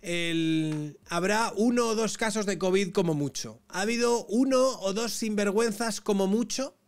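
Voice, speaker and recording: A man with a Madrid accent giving sarcastic, ranting commentary on clips as a streamer, swinging between loud outbursts and muttering. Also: high voice, a little slow. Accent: Madrid Spanish. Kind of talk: casual reaction commentary.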